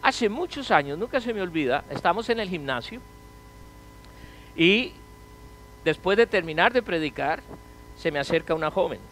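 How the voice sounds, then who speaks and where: A man preaching a sermon as pastor, asking the congregation rhetorical questions and swinging from loud to quiet. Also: high voice, expressive, moderate pace, pauses often, slight background noise, low-quality recording.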